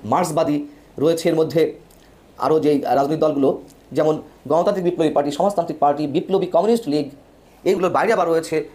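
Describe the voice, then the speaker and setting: A man giving opinionated political news commentary, emphatic, with his pitch swinging widely between phrases. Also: darkish tone.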